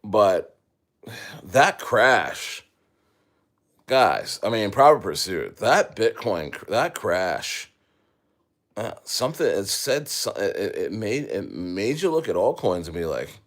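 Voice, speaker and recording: Male livestream host, slightly low voice, loose rambling chat, lots of "you know what I mean". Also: sing-song, takes it slowly. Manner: rambling, full of fillers, talks to viewers.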